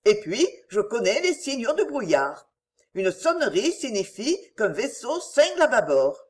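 A woman voicing a calm, earnest young woman, the eldest daughter, speaking matter-of-factly in a storybook reading. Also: on the high side, unhurried. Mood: enthusiastic.

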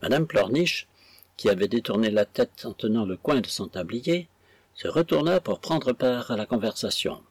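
A man narrating a classic novel as an audiobook, in a measured storytelling manner. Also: lowish voice, darkish tone, breathy edge, no echo.

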